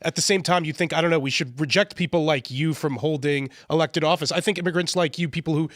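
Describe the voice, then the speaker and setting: Fast-talking argumentative man. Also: on the high side, a bit bright, no echo, studio quality. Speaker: panel guest. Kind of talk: casual panel discussion.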